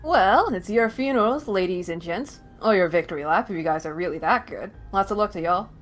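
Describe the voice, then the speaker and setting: 一位女性在游戏台词朗读中扮演贪财、玩世不恭的女雇佣兵，语气随意轻佻，带着粗口和俚语，背景有轻微音乐。. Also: female voice, on the low side, lively intonation, fairly quick, close to an everyday voice. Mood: wry. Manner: flippant, casual, foul-mouthed. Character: brash, mercenary woman fixer, slangy and cynical. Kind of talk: dramatic live read of game dialogue. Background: faint music.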